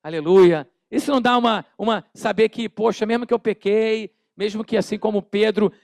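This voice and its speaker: High gravelly Brazilian pastor preaching. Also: male voice, moderate pace, no room sound. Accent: Brazilian Portuguese. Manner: animated, acts out little scenes with shouted voices; calls on the congregation to repeat phrases. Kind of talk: sermon. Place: church.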